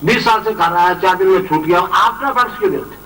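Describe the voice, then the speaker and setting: A man's voice: high voice, rapid-fire, sharp tone, recorded from a distance, poor audio. A man voicing a skeptical doctor who keeps questioning a guru, in a sermon story. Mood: puzzled. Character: puzzled science-minded doctor questioning a guru.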